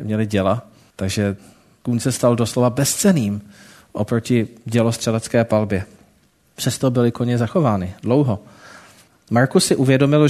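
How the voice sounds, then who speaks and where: A man's voice: lowish voice, a little mellow. Man telling a story in a sermon. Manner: reads a story, breaks off for casual asides to listeners.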